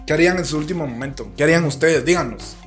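A man's voice: a little high, racing, soft background music. A man, co-hosting a casual comedy chat, often laughing and using local slang. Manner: laughs through lines, uses local slang. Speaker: podcast co-host.

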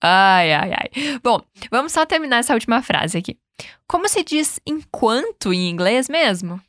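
A Brazilian woman with a fairly high voice leads a podcast English lesson in an upbeat, coaching way. She says each English word slowly and then asks the listener to repeat it. The recording is close and dry. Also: sing-song, a bit bright, dry recording. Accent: Brazilian Portuguese. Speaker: English teacher and podcast host. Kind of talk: podcast language lesson with repeat-after-me drills.

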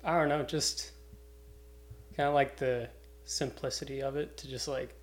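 A man's voice: medium pitch, steady tone, normal speed. A young man, chatting casually and informally as a podcast guest. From Cape Breton, Canada. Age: young adult. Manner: loose, informal, swears casually. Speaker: podcast guest, climbing route setter. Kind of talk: casual chat.

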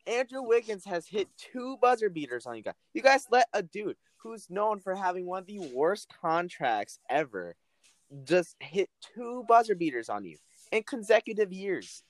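A man's voice: high-pitched, big pitch swings, normal speed, no room sound. A man guesting on a sports podcast, talking loosely with plenty of fillers. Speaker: podcast guest, basketball fan. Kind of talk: casual sports chat.

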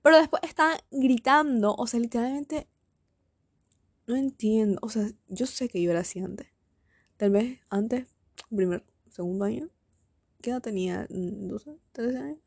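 A woman's voice: a little high, creaky, breathy edge, no echo, clean studio sound. A young woman, rambling sarcastically in a casual solo podcast. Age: young adult. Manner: sarcastic, rambling, quick asides. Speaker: podcast host.

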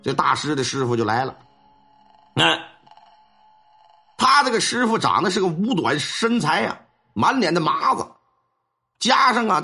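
A man telling a ghost story in a colloquial, lively way, stretching words for emphasis. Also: high voice, breathy edge. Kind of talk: spoken ghost story narration.

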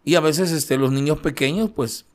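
A man with a Central American Spanish accent, a guest recounting his life story in an interview, talking haltingly with many fillers and tag questions. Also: on the high side, darkish tone. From Guatemala, raised in El Salvador. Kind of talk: personal testimony in an interview.

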